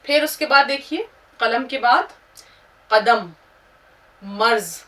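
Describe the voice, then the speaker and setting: Spelling words for her learners one letter at a time, a woman who teaches Urdu works slowly and with patience. Her voice is bright and slightly high, and she is far from the mic.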